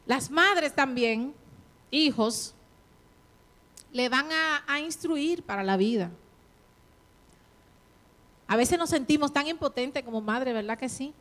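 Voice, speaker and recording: High-voiced woman preaching a sermon. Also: slow, pauses often, a bit bright. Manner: exhorting, questions the audience, acts out quoted voices.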